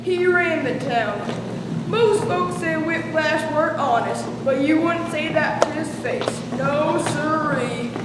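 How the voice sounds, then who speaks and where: A woman's voice: sits high, takes it slowly. A young female student playing a garrulous, boastful old Wild West cowboy in the folksy manner of an old prospector, in a school stage play. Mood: storytelling. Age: young teenager. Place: school stage, recorded from afar. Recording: echoey noisy hall, distant microphone.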